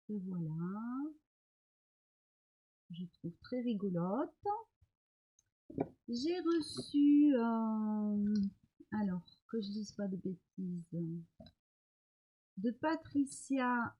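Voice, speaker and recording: A middle-aged woman vlogger showing crafts she got in the mail, talking hesitantly with many pauses while recovering from an illness. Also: mid-range voice, muffled recording. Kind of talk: casual show-and-tell of mail.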